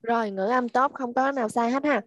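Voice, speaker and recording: A woman teaching children English online, slowly repeating words to drill pronunciation. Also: fairly high pitch, highs cut off, a little hiss or hum. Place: at home.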